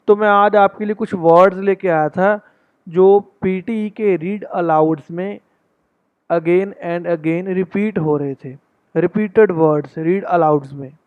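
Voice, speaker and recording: A man teaching English pronunciation for an exam, slowly breaking long words into parts and repeating them. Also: high voice, clean tone, no room sound. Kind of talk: Hindi-English exam coaching lesson. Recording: dry, tinny phone-like sound.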